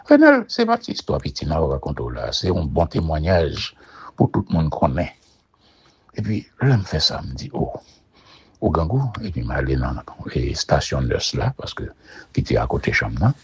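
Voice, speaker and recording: A man with a Haitian Creole accent giving a personal testimony, switching between Creole and French as he retells events with lively voice jumps. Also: a bass voice, gravelly, slightly rough, no echo, muffled recording.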